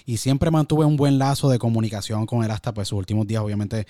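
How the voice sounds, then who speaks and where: A man hosting an interview, speaking in a calm, reflective way. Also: fairly low pitch, fast talker, dry recording, studio quality. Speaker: interviewer, radio host. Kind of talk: interview conversation.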